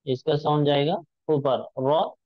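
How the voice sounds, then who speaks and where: A man's voice: a little high, steady tone, unhurried, no room sound, dull audio. A male teacher giving a patient recitation lesson, drawing out sounds to demonstrate them.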